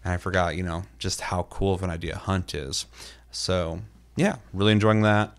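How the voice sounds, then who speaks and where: A man's voice: low-pitched, fairly even intonation, moderate pace. A man co-hosting a gaming podcast, telling stories in a rambling, casual way full of fillers and the odd swear word. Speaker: podcast co-host.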